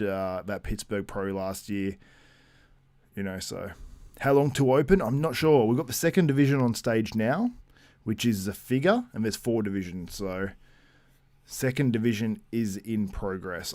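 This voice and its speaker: Chatty low-voiced male stream host. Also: a little mellow, dry recording. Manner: chatty, reads out viewer comments, frequent laughs. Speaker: livestream host. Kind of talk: casual live-stream commentary.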